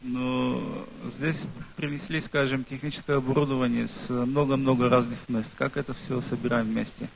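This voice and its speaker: A man's voice: mid-range voice, flat delivery, normal speed, creaky, a little hiss or hum, poor audio. A man interpreting questions, hesitant and with restarts. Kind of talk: casual interpreting.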